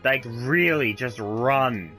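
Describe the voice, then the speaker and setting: A man's voice: medium pitch, slow pace, pushed and bright, faint music behind. A man doing casual let's play commentary, thinking aloud, reactive and sweary, talking to the game's characters.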